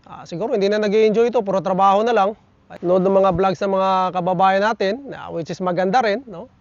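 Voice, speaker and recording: High-voiced chatty man vlogging outdoors. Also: a little fast, no room sound, dull audio. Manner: chatty, peppers lines with tag questions, addresses viewers as buddies. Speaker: vlogger reading viewer comments. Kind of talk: casual vlog chat. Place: outdoors in nature.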